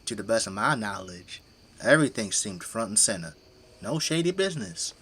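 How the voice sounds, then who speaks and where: In an audio drama, an actor plays a folksy, boastful, tipsy middle-aged father who takes on zombies with a flamethrower, bragging in an easygoing, colloquial way. His low voice is very animated at normal speed, pushed, bright and slightly rough, and the performance is heavily acted. The mood is candid and reminiscing.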